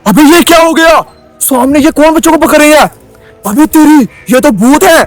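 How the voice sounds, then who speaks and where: A man's voice: very high-pitched, normal speed, faint music behind. A man playing an alarmed villager who spots ghosts carrying off children and chases after them, exclaiming in a comic skit. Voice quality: excited, exclaiming.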